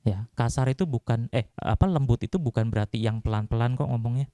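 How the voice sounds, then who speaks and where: Man, young adult, dharma talk, conversational, warm dark tone, dry close sound. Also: medium pitch, quick pace, no echo. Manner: chatty, asks the audience questions, jokes. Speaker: Buddhist dhamma speaker. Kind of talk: casual sermon talk. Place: temple hall.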